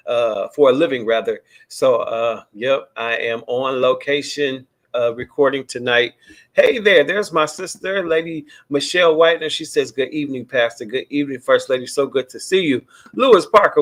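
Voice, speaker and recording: A relaxed, chatty pastor hosting his own live stream, speaking at a middling pitch. He drifts between gentle preaching and playful impressions of people he's poking fun at, and calls out viewers' names warmly as they join. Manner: casual, chatty, mimics people, greets viewers by name. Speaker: pastor and show host. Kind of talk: casual preaching talk on a live show.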